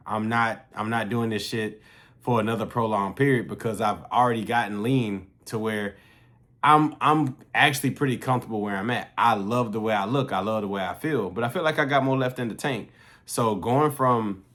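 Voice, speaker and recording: Late 30s guy vlogging about his cut, lowish voice, swears a lot, real casual slangy talk. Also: normal speed, a bit bright. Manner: loose, profane, slangy and conversational. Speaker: fitness vlogger. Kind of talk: casual talking-to-camera vlog.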